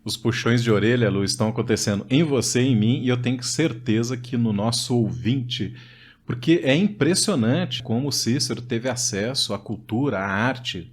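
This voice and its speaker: Brazilian guy cohosting a podcast, husky-ish, animated, chats right at the listeners. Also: mid-range voice, moderate pace. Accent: Brazilian Portuguese. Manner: animated, addresses listeners directly. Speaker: podcast co-host. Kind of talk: conversational storytelling podcast.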